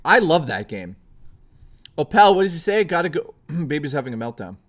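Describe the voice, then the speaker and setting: Chatting with viewers in an excitable, profanity-laced stream, a young man sounds hoarse, as if his voice is going. It sits fairly high and moves at a moderate pace.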